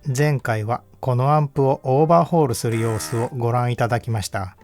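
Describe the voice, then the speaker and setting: A man narrates in a calm, measured and explanatory way, reading a scripted technical walkthrough as a voice-over. His pitch sits in the middle of the male range, and faint music plays beneath him. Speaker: audio equipment reviewer.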